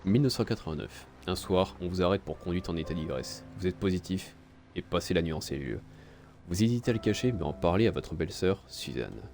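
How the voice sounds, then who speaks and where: A man's voice: low voice, lively intonation, a little fast, darkish tone, a little hiss or hum. A man playing a video game on stream, reading its story text aloud and adding casual, crude asides. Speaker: let's play streamer.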